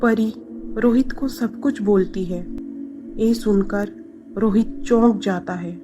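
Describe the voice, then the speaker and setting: A woman narrating a family drama story in a measured, scripted storytelling manner. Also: mid-range voice, music in the background.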